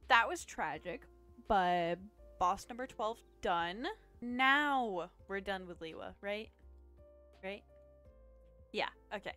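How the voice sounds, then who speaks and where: A woman giving casual gameplay commentary as a streamer, excitable and chatty, talking to the enemies and swinging between panic and cheer. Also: fairly high pitch. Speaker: gaming streamer.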